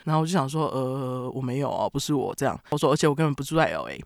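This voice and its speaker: A woman's voice: extremely low pitch, lively intonation, very fast, vocal fry, dry recording, studio quality. A woman with a Taiwanese Mandarin accent co-hosting a casual podcast, telling stories animatedly and laughing often. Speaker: podcast co-host. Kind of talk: casual chat, reading listener comments.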